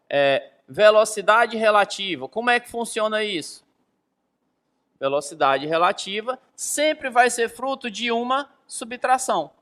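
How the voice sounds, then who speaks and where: A physics teacher in his thirties with a Brazilian accent gives an emphatic, didactic lesson, posing rhetorical questions and repeating key phrases. His voice sits high and sounds a bit bright.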